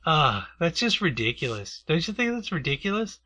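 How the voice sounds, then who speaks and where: A man's voice: on the high side, very animated, moderate pace, bright, forceful tone. A man chatting casually and joking sarcastically, who grew up in a Mexican community. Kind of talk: casual chat.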